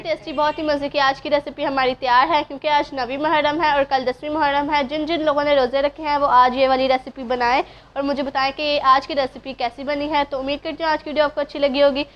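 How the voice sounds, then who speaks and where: High-voiced woman calmly explaining a recipe. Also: fast talker. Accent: Urdu-speaking Pakistani. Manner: calm, instructive, addresses viewers directly. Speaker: cooking channel host. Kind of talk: step-by-step recipe narration. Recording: dull lo-fi sound, faint room ambience.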